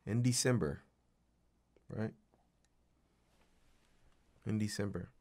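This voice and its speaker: A man's voice: on the low side, slow, darkish tone. Teasing man quizzing his co-host. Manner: teasing, playful questioning. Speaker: podcast co-host asking questions. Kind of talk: casual chat.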